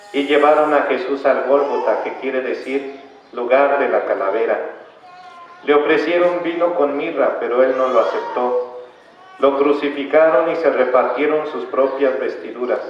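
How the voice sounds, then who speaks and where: Priest reading solemnly in echoing church. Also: male voice, medium pitch, recorded from a distance, slight background noise. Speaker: parish priest. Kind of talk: liturgical Gospel reading at Mass. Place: large church. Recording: dull, echoey church from afar.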